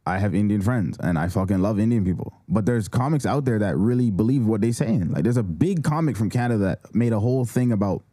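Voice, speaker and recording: Male comic guest, low mellow voice, dry close mic, loose animated storytelling. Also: fast, few pauses, dry recording. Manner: animated storyteller, swears freely. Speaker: podcast guest, comedian. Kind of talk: casual chat.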